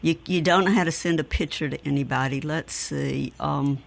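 Creaky low-voiced woman giving casual advice. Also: normal speed. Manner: informal, thinking aloud. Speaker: wildlife expert on a radio phone-in. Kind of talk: casual advice on a call-in show.

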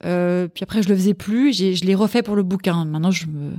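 Enthusiastic woman with a low voice. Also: fast, no room sound, studio quality. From Sweden. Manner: enthusiastic, animated storytelling. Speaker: podcast guest, cookbook author. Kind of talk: casual chat.

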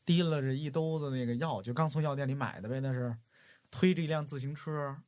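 Relaxed man, dry sound. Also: mid-range voice, fairly quick, no room sound. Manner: relaxed, colloquial storytelling. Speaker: podcast host. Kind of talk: casual chat.

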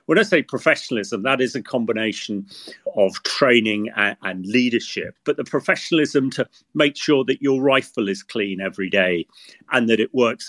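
Speaking outdoors from a freezing, snow-covered garage roof, the same middle-aged British military expert and former tank commander recalls his experience for a podcast interview. His voice is medium in pitch, a little bright, and the recording is dry.

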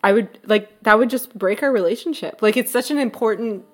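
A woman's voice: a little high, brisk, faint music behind. Chatty young woman rambling about a book. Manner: animated, rambling, many restarts and fillers. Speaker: podcast co-host. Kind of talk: casual book chat.

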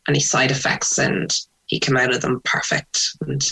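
A woman with a west of Ireland accent recounting personal memories in an interview, reflective and pausing softly as she goes. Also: rumbling low, little pitch movement, gravelly, breathy edge, poor audio. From Sligo, west of Ireland.

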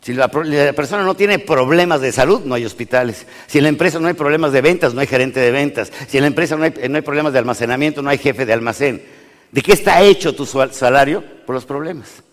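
A man with a Mexican accent giving a motivational business lecture to an audience, animated, swinging between loud and hushed, often questioning the crowd. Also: mid-range voice, quick pace. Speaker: motivational speaker. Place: large lecture hall with audience. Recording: lecture hall reverb.

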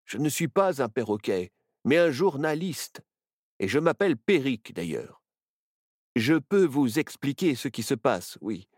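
A man's voice: mid-range voice, no echo, pitched above the performer's own voice, natural voice. A man reading as a journalist trapped in a parrot's body, earnest and matter-of-fact, close to the reader's own voice. He rattles through his explanation in a dry, close read. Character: adult male journalist turned into a parrot, earnest.

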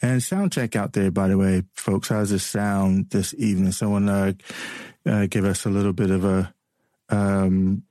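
Male radio host with a lowish voice and a transatlantic accent, rambling and chatty, dry close sound. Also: flat delivery, moderate pace, dark tone, dry recording. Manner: chatty, rambling, laughs often. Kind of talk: casual on-air banter.

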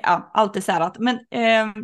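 A woman co-hosting a casual podcast chat, asking eager questions. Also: medium pitch. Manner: eager, asks many questions.

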